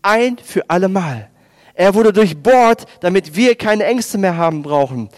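Guy preaching at a baptism, kinda high voice, gets loud and emphatic doing jesus lines, dry close sound. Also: lively intonation, unhurried, no room sound. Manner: preaching, voicing God and Jesus in raised emphatic tones. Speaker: pastor. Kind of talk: baptism sermon.

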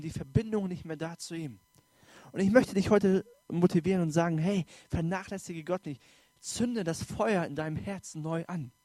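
Informal German preacher, dry close sound. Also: male voice, on the high side, no echo. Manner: informal, direct address with emphatic rises and soft drops. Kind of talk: sermon.

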